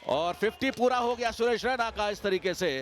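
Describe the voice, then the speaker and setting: A man giving excited, emphatic cricket commentary as a match commentator. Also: high voice, moderate pace, slight background noise. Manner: emphatic, animated.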